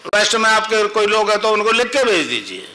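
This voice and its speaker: A man's voice: sits high, very animated, a little fast, pushed and bright, low-quality recording. A man speaking as a spiritual guru to his followers, plain-spoken and repetitive, at times leading the listeners through a chanted mantra.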